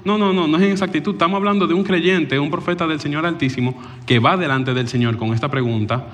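A man preaching a sermon to a congregation in church, lively and dramatic, often acting out dialogue. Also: a little high, fast talker. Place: church hall before a congregation. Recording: long reverb of a large hall.

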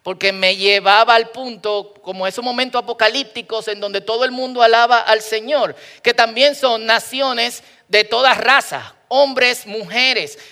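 A male pastor preaching a lively, joking sermon and reading scripture aloud at a live church service. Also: extremely high pitch, measured pace, few pauses. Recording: long church hall reverb.

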